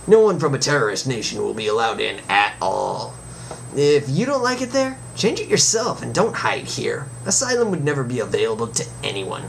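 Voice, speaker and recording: Playing a cocky adventuring superhero, a show host chats to fans in a comic monologue, reading a letter aloud. His medium-pitched voice carries a folksy, theatrical, opinionated manner, with background noise behind it.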